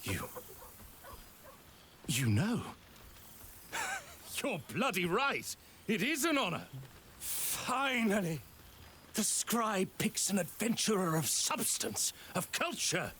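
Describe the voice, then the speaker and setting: A man's voice: high-pitched, very animated, slow pace, long pauses, sharp tone, a little hiss or hum, full character voice. An actor playing an ancient male god in a game, speaking grandly and theatrically. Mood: grandiose.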